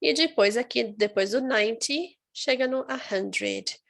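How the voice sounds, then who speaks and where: Woman, English teacher, slow deliberate pace, exaggerated word stress, frequent check-ins. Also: a little high, creaky, fairly bright tone. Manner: drills words with exaggerated stress, checks in often with "tá bom?". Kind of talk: online language lesson.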